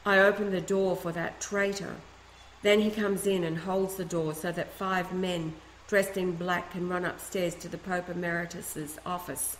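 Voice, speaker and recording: Reading a first-person letter aloud at normal speed, a woman keeps a steady, earnest delivery with occasional restarts, her voice a little low. Room echo and a faint ambient hum fill the recording.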